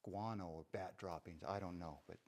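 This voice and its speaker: A man's voice: low-pitched, fairly even intonation, moderate pace, darkish tone, a little hiss or hum. A man casually narrating his own travel vlog in a playful, jokey tour-guide way, filming on a handheld camera. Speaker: travel vlogger. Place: cave and outdoor mountain trail.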